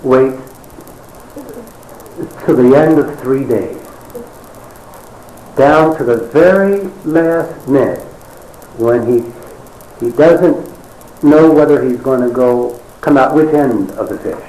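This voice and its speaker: A man's voice: mid-range voice, dark tone, a little hiss or hum. Wry male preacher in echoey room. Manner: wry, conversational storytelling with dramatic pauses. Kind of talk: sermon.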